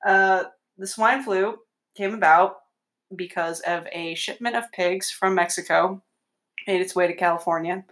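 Young woman, podcast host, casual and chatty, quick to laugh, jokey, recorded at home in a bedroom. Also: on the low side, a bit bright. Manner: chatty, laughs often, joking. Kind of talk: casual chat.

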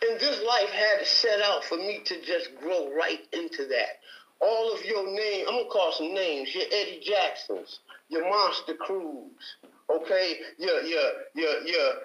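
The Detroit panelist testifies emphatically in a heated debate, sounding like a preacher and repeating lines for stress. The sound is lo-fi and reverberant, and his voice sits high with a slightly bright edge.

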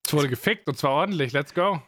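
A young man co-hosting a podcast in casual chat, teasing and excitable, full of slang. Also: a little high, fast, dry recording, studio quality. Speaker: podcast co-host.

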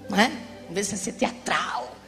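A woman pastor preaching a sermon in an animated, theatrical way, acting out everyday examples. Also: medium pitch, brisk, gravelly. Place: church service. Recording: long church reverb, music behind.

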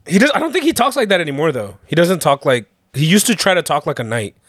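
A young man co-hosting a podcast in casual chat, excited and slangy, laughing often. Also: a little high, quick pace, husky, no room sound. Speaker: podcast co-host.

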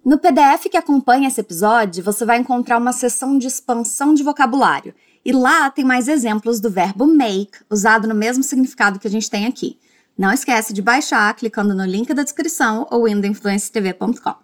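A woman with a Brazilian Portuguese accent, teaching English in a podcast lesson and drilling phrases word by word with clear, careful pronunciation. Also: a little high. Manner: slow, clearly enunciated drilling that breaks phrases into single words. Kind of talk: podcast language lesson with repeat-after-me drills.

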